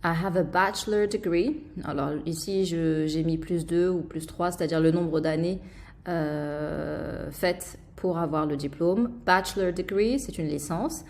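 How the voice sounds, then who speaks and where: Female language teacher, unhurried, lower pitch, patient explainer. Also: darkish tone. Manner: patient, explains slowly with fillers and repeated examples. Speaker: English teacher. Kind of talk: online language lesson.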